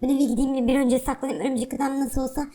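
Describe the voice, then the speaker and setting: A woman's voice: high voice, level tone, fast, warm tone. A woman narrating and voicing toys in a play-acting video, with fretful exclamations.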